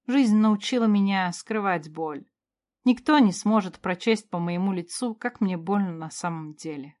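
Brief: woman narrator, first-person fantasy audiobook, quiet and even. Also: mid-range voice, normal speed.

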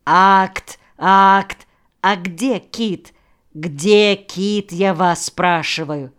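A woman's voice: lowish voice, drawn-out words. A woman reading the lines of a sardonic, curt male outpost chief who mocks his opponent. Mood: mocking. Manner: mocking, curt.

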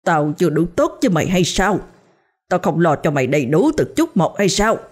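A woman's voice: fairly low pitch, big pitch swings, moderate pace, a little mellow, breathy edge. A woman voicing a middle-aged betrayed husband who wails his accusations. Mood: anguished. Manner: wailing, accusing.

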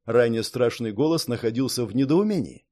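Male audiobook narrator, measured and dramatic, mid pitch. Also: expressive, darkish tone.

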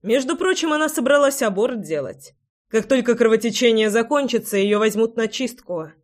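A man's voice: extremely high pitch, expressive, moderate pace, pitched above the performer's own voice. A reader voicing Morton, a young man who talks sarcastically. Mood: mocking. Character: mocking young man, a friend.

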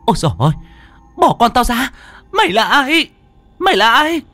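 A man voicing a terrified young mother in a ghost story, shouting in a shrill panic. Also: very animated, normal speed, faint music behind.

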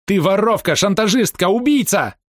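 A man's voice: sits high, lively intonation, normal speed, no echo, studio quality, voice pushed up. A man reading aloud and voicing a gaunt, ragged man who shrieks accusations in a rage. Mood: furious.

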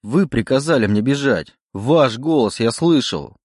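Brief: man voicing an agitated young man, high and pleading, dry read. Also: expressive, a little slow, darkish tone, dry recording. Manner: pleading, rising panic.

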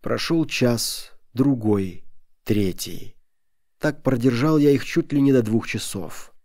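A man narrating a detective's memoir as an audiobook, in a measured storytelling manner. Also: medium pitch, darkish tone, no echo, clean studio sound.

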